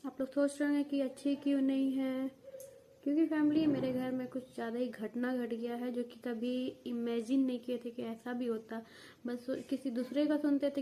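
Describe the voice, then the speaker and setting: A woman's voice: high-pitched, warm tone, a little hiss or hum. A young woman vlogger tells viewers a family story at home, rambling with restarts and coughing now and then. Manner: rambling, many restarts and fillers, talks straight to viewers. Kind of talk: casual vlog storytelling.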